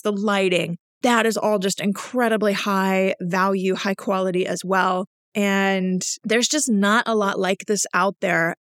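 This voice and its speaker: A woman's voice: mid-range voice, no room sound, studio quality. A woman hosting a podcast, chatting casually and enthusiastically about an event she went to. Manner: enthusiastic, self-described nerd. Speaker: podcast host.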